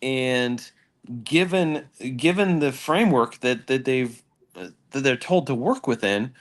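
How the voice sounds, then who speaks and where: A man's voice: medium pitch, expressive, a little slow. A man hosting a casual industry panel discussion, hiccuping now and then.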